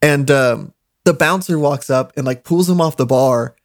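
A man's voice: mid-range voice, normal speed, dry recording, studio quality. A young man casually telling a story on a stream, laughing often, swearing, with lots of "like" fillers.

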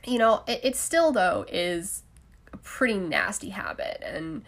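A woman's voice: mid-range voice, very animated, a little slow, gravelly, fairly bright tone. A young adult woman hosting a solo podcast in a casual, chatty way, with frequent laughs and fillers. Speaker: podcast host.

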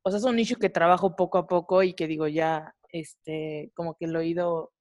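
A woman in her twenties with a Mexican Spanish accent, co-hosting a podcast and telling a personal story in a casual, animated way, full of fillers and slang. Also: lowish voice, moderate pace. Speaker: podcast co-host.

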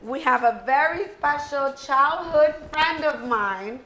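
A woman's voice: sits high, takes it slowly, bright, forceful tone, reverberant, a little hiss or hum, low-quality recording. Candid, joking woman hosting a podcast. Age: 30s. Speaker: podcast host. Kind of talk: casual group chat.

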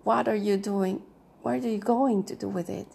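A woman's voice: medium pitch, steady tone, vocal fry, warm tone, slight background noise. Woman reading as a firm, worldly older aunt. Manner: firm and brisk.

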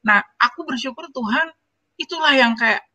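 A lecturer in her forties tells her story in an interview, and her voice comes through bright and forceful. She tells it with feeling and keeps turning to the host as she goes. The sound is dry and close, with no room around it. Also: high voice, normal speed, no echo. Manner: emotional, animated storytelling that often turns to address the host. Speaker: interview guest, university lecturer. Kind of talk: personal storytelling in a conversational interview.

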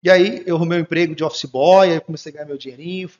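A man's voice: on the high side, fairly even intonation, very fast, darkish tone. A man guest in an interview, telling his life story casually and acting out quoted dialogue. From Brazil. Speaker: entrepreneur guest. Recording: muffled lo-fi recording.

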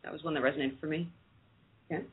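An American woman with a low voice and fairly even intonation talks fast while giving reflective radio interview answers as a book's co-editor. The line sounds phone-like, with faint noise.

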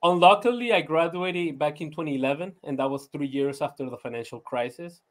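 Pitched fairly high and brisk, this is a relaxed, sociable Venezuelan-born man appearing as a podcast guest. The casual interview chat is full of his laughter, restarts, and "you know" fillers.

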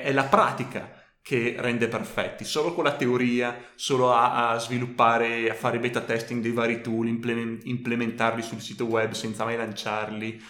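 A man's voice: mid-range voice, fairly bright tone. A man co-hosting a podcast, giving casual, colloquial advice and stressing his points emphatically. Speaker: podcast co-host. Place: room in a home. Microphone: microphone on a tabletop stand. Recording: roomy, echoey home recording.

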